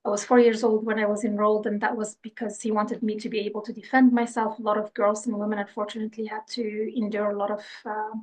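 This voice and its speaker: A woman's voice: medium pitch, level tone, quick pace, hardly any pauses, a little mellow, low-quality recording. Hesitant Moroccan-born woman guest. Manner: hesitant, many restarts and fillers. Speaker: podcast guest, clinical scientist. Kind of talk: conversational interview.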